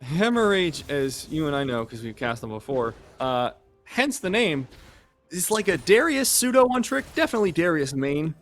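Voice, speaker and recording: A man's voice: on the high side, sing-song, moderate pace, fairly bright tone, soft background music. Chatty man doing esports color commentary. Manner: chatty, joking, laughs often.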